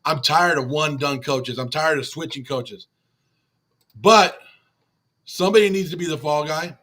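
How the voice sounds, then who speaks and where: A man's voice: fairly high pitch, measured pace, a bit bright. A man hosting a livestream after a game, talking emotionally and repetitively as he reads and answers chat comments. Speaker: fan channel host on a livestream. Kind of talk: livestream postgame rant.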